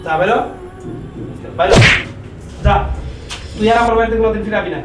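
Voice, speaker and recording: A man's voice: high voice, a little fast, close to an everyday voice. A man with a Bangladeshi Bengali accent playing an indignant husband, scolding emphatically in a short-film melodrama. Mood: stern, angry. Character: indignant, gullible husband and master of the house. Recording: echoey, distant mic, loud music behind.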